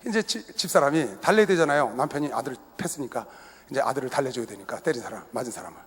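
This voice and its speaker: A middle-aged male pastor telling a personal story in a sermon, acting out family dialogue in an animated way in a large indoor arena. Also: mid-range voice, fast, husky. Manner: animated storyteller who acts out family dialogue and laughs at himself. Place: large indoor sports arena used for worship. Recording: echoey arena hall.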